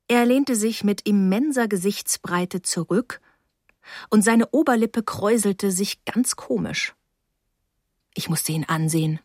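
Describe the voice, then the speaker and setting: A woman narrating a first-person story in a measured, quietly dismayed way. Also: medium pitch, no room sound, studio quality. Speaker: audiobook narrator.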